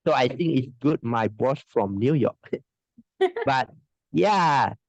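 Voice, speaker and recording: A male online English teacher from Indonesia joins a casual interview by video call, his speech slow and halting, full of restarts and laughter. His middle-pitched voice has a sing-song quality, and it arrives dry and slightly muffled.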